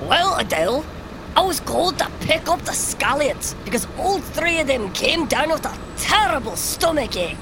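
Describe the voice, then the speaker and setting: Brief: self-important cartoon ambulance driver, folksy and rambling, high voice, noisy background. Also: female voice, very animated, moderate pace.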